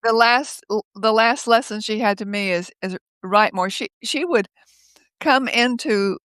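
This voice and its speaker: An older woman speaking as a guest over a video call from her home office, telling stories in a lively way, laughing often and acting out the voices of others. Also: on the high side, unhurried, clean tone, no echo. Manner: lively, laughs often, acts out quoted speech. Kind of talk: casual conversational storytelling.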